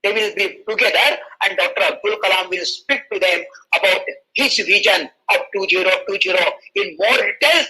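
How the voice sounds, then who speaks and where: Bright, high-pitched male storyteller. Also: poor audio. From India. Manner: animated, quoting characters in rising pitch. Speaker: webinar speaker. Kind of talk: storytelling lecture.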